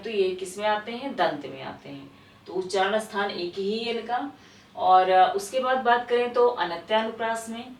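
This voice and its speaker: A woman teacher explaining grammar for exam preparation. She repeats each definition, answers her own rhetorical questions and recites example verses slowly. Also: medium pitch. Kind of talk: exam-prep Hindi grammar lesson. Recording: distant mic in an echoey room with faint noise.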